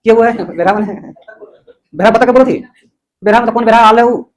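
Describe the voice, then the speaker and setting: High-voiced man teaching a classroom. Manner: explains slowly, keeps checking the class understands. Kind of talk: classroom lecture.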